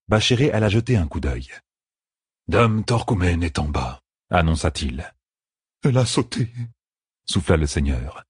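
A man narrating a fantasy novel in a measured, dramatic reading, close to the mic. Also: low voice, slightly rough, dry recording. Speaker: audiobook narrator.

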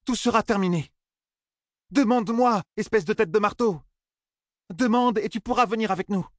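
A man's voice: high voice, normal speed, no echo, studio quality, voice pushed up, lightly acted. A man reading an audiobook voices a proud, stubborn young woman who bargains coldly. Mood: insistent. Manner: stubborn, cutting, defiant.

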